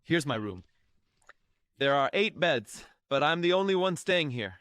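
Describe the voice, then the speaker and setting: A man's voice: a little high, very animated, measured pace, fairly bright tone, smooth. A man narrating his travel vlog in an upbeat, chatty storytelling way. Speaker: travel vlogger.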